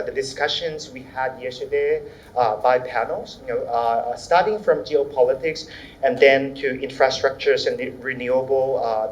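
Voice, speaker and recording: Male panel moderator, informal and halting, loosely phrased; roomy, dulled sound with faint noise. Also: mid-range voice, darkish tone. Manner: hesitant, loosely phrased, searching for words. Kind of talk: informal spoken introduction of panelists. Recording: echoey, slightly dull, faint noise.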